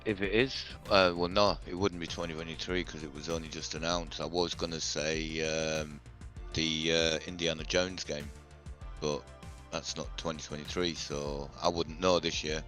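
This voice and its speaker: A man on a gaming podcast, speaking in a hesitant, halting, soft-spoken way. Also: a bass voice, flat delivery, faint music behind. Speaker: podcast guest.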